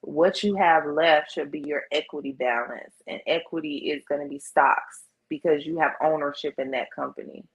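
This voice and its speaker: A woman's voice: low voice, normal speed, few pauses, muffled recording. A woman in her thirties patiently explaining investing with simple examples in a casual chat. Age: 30s. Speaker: financial guest expert.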